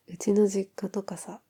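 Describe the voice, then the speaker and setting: Casting: woman as tender newlywed wife, soft-spoken pillow-talk role-play, very soft dark tone, unhurried and intimate. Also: mid-range voice, slightly rough. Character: affectionate newlywed wife chatting softly in bed.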